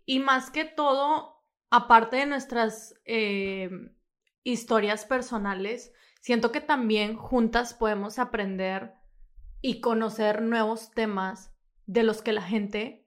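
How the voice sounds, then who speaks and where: A young Mexican woman co-hosting a podcast, her voice sitting a little high. She talks quickly and casually, dropping in little agreeing murmurs as her friend speaks. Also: fairly even intonation. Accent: Mexican Spanish. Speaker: podcast co-host. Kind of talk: casual chat.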